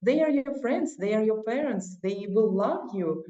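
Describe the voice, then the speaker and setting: A warm, expressive woman's voice on the high side, at a moderate pace, belongs to a Russian-accented non-native speaker being interviewed casually. She comes across as earnest and encouraging, in a dull, distant, echoey lo-fi recording.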